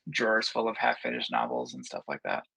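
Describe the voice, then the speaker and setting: Gravelly, husky man thinking aloud. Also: extremely low pitch, very animated, bright, forceful tone, rough recording. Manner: thoughtful, halting, many fillers. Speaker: guest comic book writer. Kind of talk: casual podcast interview talk.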